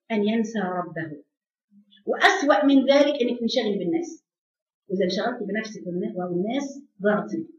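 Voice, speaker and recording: A woman preacher with an Egyptian accent giving a religious lesson, fervent and full of repeated rhetorical questions. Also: a little high. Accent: Egyptian Arabic. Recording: echoey, distant, dull lo-fi sound.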